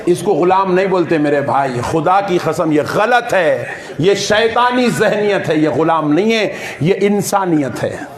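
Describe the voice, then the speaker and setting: A man's voice: high-pitched, a little slow, few pauses, a crowd in the background. A man preaching a religious sermon, telling jokey stories and acting out family members. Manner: animated, jokey storytelling that acts out family members.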